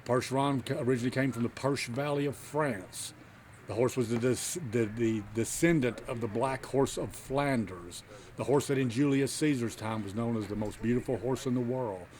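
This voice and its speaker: A man speaking as a jousting knight in an informal on-site interview, explaining things deliberately. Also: mid-range voice, darkish tone. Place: outdoors at a fair, near horses. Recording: faint outdoor background noise.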